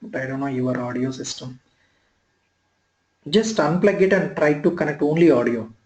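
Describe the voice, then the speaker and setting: A man teaching a live online training session, heard through a screen recording of the call, talking in halting, repeated phrases and often checking if the class follows. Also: a little high, darkish tone, echoey room, lo-fi sound. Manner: halting, repeats himself, often checks "you are clear?". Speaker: software trainer.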